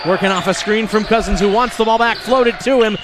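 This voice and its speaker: A man's voice: sits high, brisk. A man calling a basketball game live as play-by-play commentator. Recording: loud crowd and gym noise. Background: crowd, bouncing basketball.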